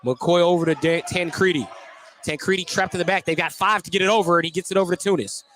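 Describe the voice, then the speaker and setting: This American man delivers live radio play-by-play for basketball in a high-pitched, fairly bright, steady voice at a quick pace. He's in an indoor high school gym, and the broadcast is clearly noisy.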